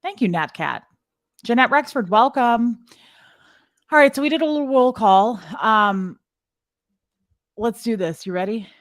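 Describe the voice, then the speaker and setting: A woman co-hosting a livestream chats playfully, greets viewers and reads out their names. Her fairly high, slightly raspy voice is animated and a little slow, with frequent pauses. The sound is studio quality with no echo.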